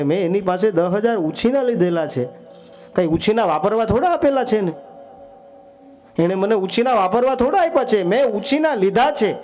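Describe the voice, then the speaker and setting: Young storyteller preacher, high lively voice. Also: male voice. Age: young adult. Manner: animated storytelling, acts out the wife's voice with high, loud outbursts. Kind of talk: devotional story sermon.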